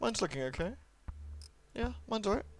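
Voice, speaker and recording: Sitting high in pitch, this British host's voice is very animated yet moderately paced. He keeps his livestream chat informal and friendly, welcoming viewers and answering them over moody music.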